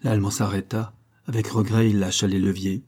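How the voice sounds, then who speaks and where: Low, husky male audiobook narrator. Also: little pitch movement, a little mellow. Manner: measured, dramatic storytelling. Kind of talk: scripted narration.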